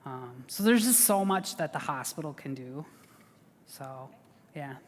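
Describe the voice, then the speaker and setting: Speaking unhurriedly in a large hall, a woman with a very deep, big, animated voice offers informal advice on veterans benefits. She is a veterans service officer, and her manner is chatty and reassuring, with plenty of fillers and restarts.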